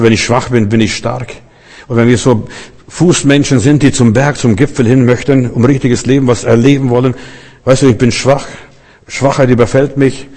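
A man preaches with insistent, repetitive emphasis and speaks straight to his listeners. His mid-pitched voice rings out in a church hall with a long, lingering reverb. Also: a little mellow. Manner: emphatic preaching, repeated "weißt du", addresses listeners directly. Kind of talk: sermon.

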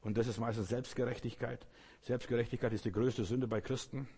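A man delivers a casual, folksy sermon, speaking straight to his listener and circling back over his own phrases. His voice is a bit husky and breathy. Each line rings out and lingers, as in a large reverberant hall. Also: mid-range voice, fairly even intonation, a little fast, darkish tone. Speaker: preacher. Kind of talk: informal sermon.

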